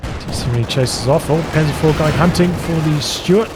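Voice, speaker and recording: This man's voice is on the high side, moving at a normal speed as he offers clipped, piecemeal live commentary on a strategy game. The noisy backdrop is full of loud in-game gunfire, explosions, artillery and vehicle sounds.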